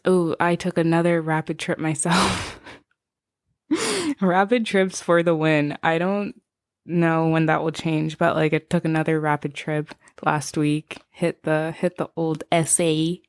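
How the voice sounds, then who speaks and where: A woman's voice: deep voice, darkish tone, dry recording, studio quality. Chatty rambling American-accented young woman. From Zimbabwe. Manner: rambling and chatty, giggly, many "like"s. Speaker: podcast host. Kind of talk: casual solo podcast chat.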